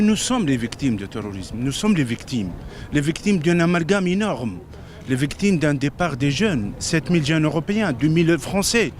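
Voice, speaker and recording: A man from Tunisia gives an earnest, halting statement at an outdoor rally, often circling back to repeat himself. His voice sits slightly high. Faint city noise runs beneath him. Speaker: protester. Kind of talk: street interview statement.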